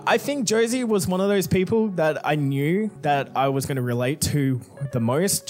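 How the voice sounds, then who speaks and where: Young guy, crude and joking, slightly high voice, soft music behind. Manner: crude, blunt, joking, frequent swearing. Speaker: YouTuber answering fan questions. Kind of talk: casual Q&A.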